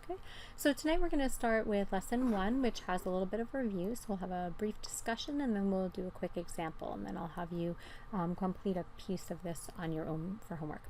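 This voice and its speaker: A woman's voice: medium pitch, fairly quick, darkish tone, slight background noise, low-quality recording. A woman teacher giving an informal, step-by-step explanation in a recorded math lesson.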